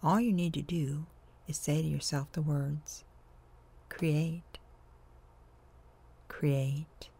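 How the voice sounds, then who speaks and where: A man leading a guided hypnosis session, with slow, soothing, drawn-out phrasing that often falls to a soft whisper. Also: fairly high pitch, fairly even intonation, creaky, slightly rough.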